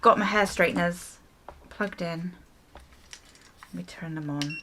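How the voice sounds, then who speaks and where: In a very noisy recording, a woman with a voice on the low side chats to viewers at a measured pace while getting ready. Her storytime is rambling and full of self-interruptions and chuckles, vlogger-style.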